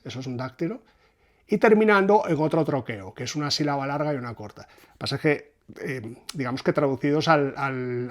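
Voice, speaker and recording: A man from talks through poetic meter, pausing and restarting as he thinks. His voice sits a bit higher than most men's. It sounds like an unscripted explanation from a translation reviewer. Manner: thoughtful, hesitant, often restarts phrases.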